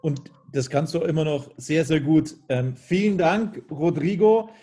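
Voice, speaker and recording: A man's voice: on the high side, a little slow, warm tone, husky. A man speaking politely as an interviewer.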